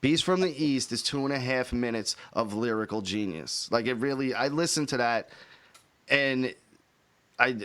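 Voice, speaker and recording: A man's voice: mid-range voice, moderate pace, fairly bright tone, clean tone. Profane, opinionated man in his thirties. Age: 30s. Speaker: podcast host. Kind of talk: casual chat.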